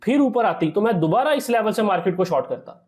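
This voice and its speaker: High-pitched guy w/ walking thru trading charts, keeps saying theek hai. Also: lively intonation, quick pace, darkish tone. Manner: explanatory, repeats "theek hai" often; addresses viewers as "sir". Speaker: trading teacher. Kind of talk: screen-recorded trading tutorial.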